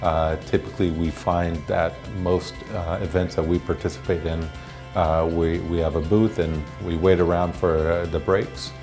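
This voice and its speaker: Low, flat-toned man giving a testimonial. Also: normal speed. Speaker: event exhibitor giving a testimonial. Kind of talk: casual on-camera testimonial. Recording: music behind the voice.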